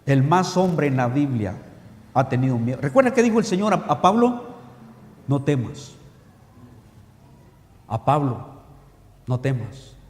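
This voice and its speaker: A man preaching a sermon, animated and full of rhetorical questions to the congregation. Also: a little high, moderate pace. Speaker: pastor. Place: church hall. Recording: echoey church hall with long reverb.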